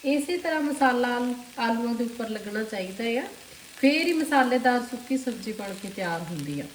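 A woman's voice: a little high, brisk. Woman with a Punjabi accent explaining a recipe. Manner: calm, explanatory, addresses viewers directly. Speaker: cooking channel host. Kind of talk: step-by-step cooking instruction. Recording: echoey kitchen with faint noise. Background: sizzling and stirring of food.

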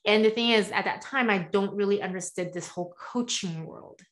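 A woman in her forties with a medium-pitched voice talks briskly as a guest coach on a video call from a room in her home. Born in the US and partly raised in Taiwan, she earnestly recounts her story in a candid interview, gesturing animatedly and often asking "right?"

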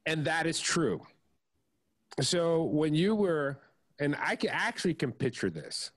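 A man's voice: a little high, animated, measured pace, a bit bright, no echo. Guy hosting an interview, kinda rambly questions, dry close sound. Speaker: interview host. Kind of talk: interview conversation.

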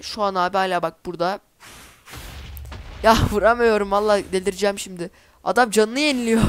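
A woman's voice: medium pitch, clean tone. A woman giving casual let's-play commentary, chatty and easily exasperated, talking to herself as she plays. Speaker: gameplay commentator.

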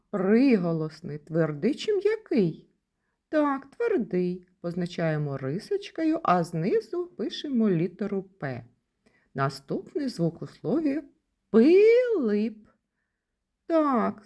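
A woman from Ukraine leads a lesson for small children, speaking slowly and patiently. Her voice is mellow, and her pitch swings widely as she lifts each word she wants them to catch. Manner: sing-song, stresses key words with rising pitch. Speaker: kindergarten teacher.

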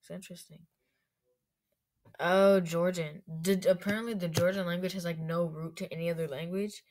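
A woman's voice: fairly low pitch, steady tone, moderate pace, darkish tone, slight background noise. A young woman giving rambling, chatty commentary in a casual vlog, with plenty of fillers. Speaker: YouTuber.

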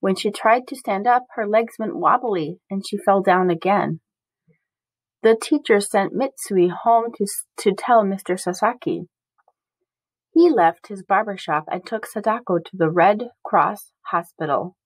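A woman reading a chapter book aloud slowly and carefully for beginning readers. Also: medium pitch, slightly rough, dry recording, rough recording. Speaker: storybook reader.

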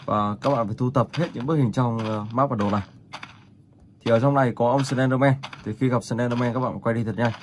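A man's voice: medium pitch, fairly even intonation. Man explaining a game over noise. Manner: explains step by step to viewers, with filler pauses. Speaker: gaming channel host. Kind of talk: casual gameplay commentary. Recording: noticeable background noise.

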